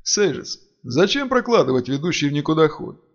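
A man's voice: fairly high pitch, big pitch swings, brisk, highs cut off. A man reading as a stern emperor. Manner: firm, commanding. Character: stern male emperor, commanding and resolute. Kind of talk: audiobook character reading.

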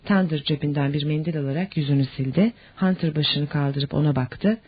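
A husky narrator reads a novel in steady audiobook narration. The sound is dull and lo-fi, with the top end rolled off. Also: mid-range voice, normal speed.

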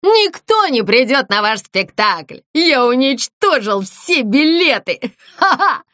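A woman's voice: sits high, sing-song, slow, sharp tone, dry recording, clean studio sound, full character voice. Woman putting on a giggling icy ghost. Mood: triumphant. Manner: mocking, giggling, gloating. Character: icy sneering ghost, male, rule-obsessed trickster.

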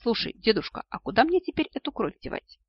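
Bold young dragon heroine, read by a man, sardonic, breathy edge, muffled audio. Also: very high-pitched, very animated, fast talker, voice pushed up, heavily acted. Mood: sarcastic. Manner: sharp, sarcastic retorts. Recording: dull lo-fi audio.

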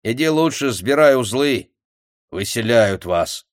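A man's voice: medium pitch, lively intonation, measured pace, dry recording, studio quality, natural voice. A man reading an audiobook voices a brusque village chairman, curt and folksy. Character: brusque middle-aged male village chairman.

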